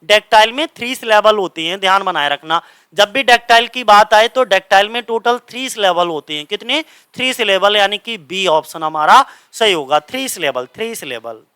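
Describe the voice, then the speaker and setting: A man teaching English literature for exams, asking his own questions and answering them, reading English lines slowly and explaining them in Hindi. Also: high-pitched, animated, pushed and bright, clean tone, no room sound. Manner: drills with repeated questions and answers. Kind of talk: exam-prep lecture.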